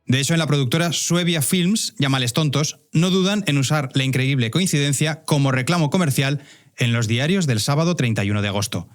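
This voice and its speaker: Fast-talking Spanish man narrating a podcast. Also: fairly high pitch. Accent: Spain. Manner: wry, addresses listeners directly. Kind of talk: scripted narrative storytelling, conversational asides. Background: faint music bed.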